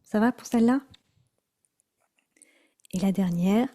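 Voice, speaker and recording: A woman teaching mantra chanting in an online workshop, speaking gently with many hesitations and repeated words. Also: medium pitch, slow pace. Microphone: video call.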